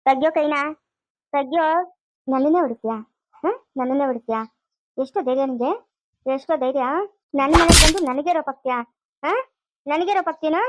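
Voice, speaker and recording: A woman in an amateur village family drama, scolding and quarrelling loudly and fast. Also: sits high. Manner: shouting, scolding, rapid quarrelling.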